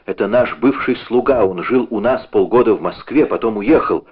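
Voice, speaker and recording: A man's voice: on the low side, normal speed, slightly rough. A man voicing a distraught young woman who pleads with urgent restraint. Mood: pleading. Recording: narrow phone-like audio.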